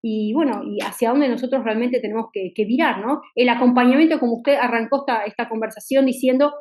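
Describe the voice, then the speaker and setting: Emphatic high-voiced woman host. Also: a little fast, darkish tone. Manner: emphatic, rhetorical, frequent tag questions. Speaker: interview host. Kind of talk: political interview talk.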